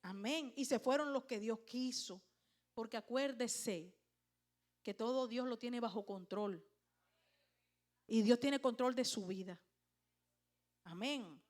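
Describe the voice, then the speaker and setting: Woman pastor, high voice, emphatic sermon, questions to the congregation. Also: slow pace, pauses often.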